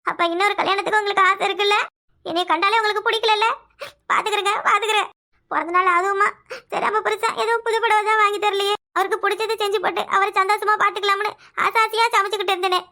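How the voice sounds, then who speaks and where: A woman voicing a fiery, quarrelsome young wife in a cartoon, scolding quickly and repeating her lines. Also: very high voice, fairly even intonation, sharp tone, full character voice. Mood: angry, scolding. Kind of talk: cartoon voice acting.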